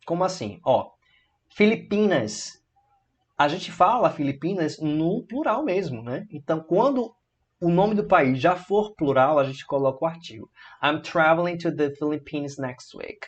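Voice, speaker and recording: Brazilian guy explaining english grammar, keeps going "tá?" and "né?", reads examples slow. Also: a little high, expressive, dull audio. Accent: Brazilian Portuguese. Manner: explanatory, checks in with frequent "tá?" and "né?". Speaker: English teacher. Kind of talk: online grammar lesson.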